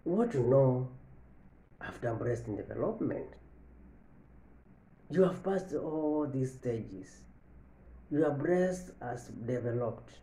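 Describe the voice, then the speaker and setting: A man in his thirties giving a health lesson to camera from an office, slowly repeating each point and stressing the key lines. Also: medium pitch, animated, warm tone. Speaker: medical educator. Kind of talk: health education talk to camera. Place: office with large window, indoors. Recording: echoey room.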